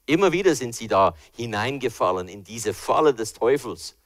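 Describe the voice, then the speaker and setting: An older man preaching a sermon with personal testimony, swinging between hushed and loud and acting out voices. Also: mid-range voice, expressive, moderate pace, no room sound.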